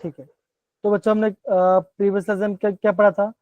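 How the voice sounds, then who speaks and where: A man's voice: sits high, flat delivery, brisk, dry recording. Male chem teacher on an online class, keeps asking kids to answer, words, muffled dull stream, dry sound. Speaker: chemistry teacher.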